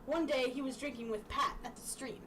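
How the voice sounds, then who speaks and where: Here an amateur vlogger revisits childhood books, reading them aloud with a relaxed, talkative feel and giggling asides along the way. She is a young woman with a high-pitched, fairly bright voice and a brisk delivery. Background noise is plain to hear because the microphone is far away.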